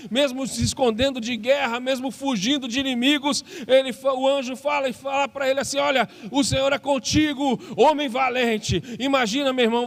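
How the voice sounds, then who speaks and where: A man with a Brazilian Portuguese accent, a pastor preaching with passion and reading scripture slowly and with weight. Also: very high voice, in a large hall. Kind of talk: sermon. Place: church hall.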